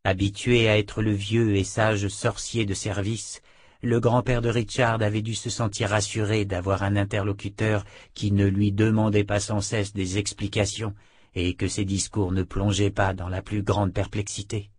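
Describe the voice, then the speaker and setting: A man reading a novel aloud in a measured, even way. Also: lowish voice, no room sound. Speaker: audiobook narrator. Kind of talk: scripted narration.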